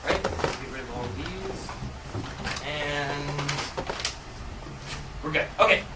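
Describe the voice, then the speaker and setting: A man's voice: on the high side, slow pace. A man working as a stage magician, delivering jokey theatrical patter to a live audience in a fairly large room. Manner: jokey, chuckles at own jokes. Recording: echoey room from far off, loud noise.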